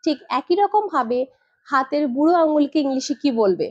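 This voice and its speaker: A woman teaching English pronunciation in a lesson, asking the viewer questions and repeating each correct word slowly. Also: sits high, expressive, muffled recording.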